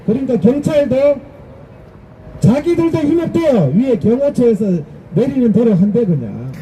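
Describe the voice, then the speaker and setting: Very high-voiced man giving a fiery speech. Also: a little hiss or hum, poor audio. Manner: combative, rhetorical, rising to shouts. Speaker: political rally speaker. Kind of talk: impassioned political speech to a gathering. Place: public gathering with a live audience.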